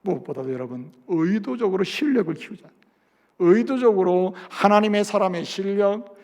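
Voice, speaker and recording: A man preaching a sermon as a pastor, asking the congregation questions and swinging between loud emphasis and soft, low asides. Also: animated, moderate pace.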